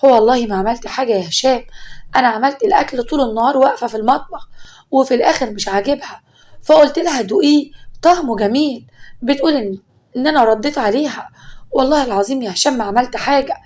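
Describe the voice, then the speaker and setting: A woman with an Egyptian accent voicing a wronged young wife, quick and tearful. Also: high-pitched, a little mellow, lightly acted. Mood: defensive.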